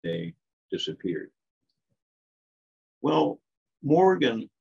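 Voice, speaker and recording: Older male guest lecturer, low gravelly voice, emphatic academic delivery with asides, muffled lo-fi audio. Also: darkish tone. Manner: measured, emphatic, with frequent asides. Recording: dull lo-fi lecture recording.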